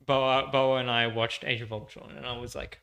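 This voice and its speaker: A man's voice: medium pitch, level tone, moderate pace, fairly bright tone, dull audio, slight background noise. A man co-hosting a casual podcast livestream, chatty, laughing often and swearing casually. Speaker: podcast co-host.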